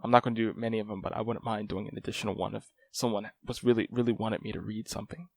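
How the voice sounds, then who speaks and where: A man who speaks English natively rambles through a casual talking-head update on his language study, leaning heavily on "like" and "um." His voice is on the low side and creaky, with a steady tone and a quick pace.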